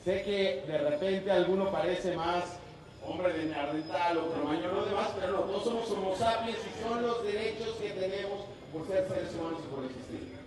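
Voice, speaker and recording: A man's voice: high-pitched, normal speed. A Mexican man giving a talk at a university and joking with the audience. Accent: Mexican Spanish. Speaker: speaker. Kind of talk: conference talk. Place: university auditorium. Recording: very echoey hall, distant mic, background noise.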